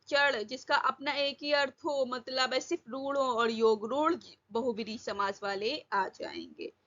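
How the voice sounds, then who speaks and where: High, bright-voiced woman teacher, slow. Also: highs cut off. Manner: repeats questions to students, drawn-out words. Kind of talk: exam-prep lesson.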